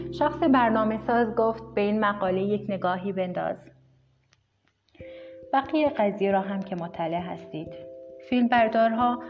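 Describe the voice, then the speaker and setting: A woman narrator reading an audiobook in a steady, even storytelling manner. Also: mid-range voice. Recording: dull recording with music behind.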